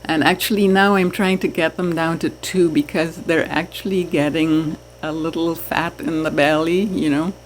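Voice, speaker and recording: A woman from Trinidad chatting casually to her viewers about keeping fish, with soft laughs. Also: low-pitched, steady tone, a little hiss or hum. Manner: slow, chatty, laughs softly. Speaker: aquarium hobby vlogger. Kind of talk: casual chat to camera.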